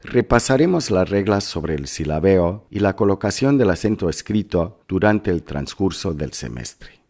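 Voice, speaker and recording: A man instructor reading scripted class notes in a measured, instructive way as a lesson voice-over. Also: low-pitched, lively intonation, darkish tone.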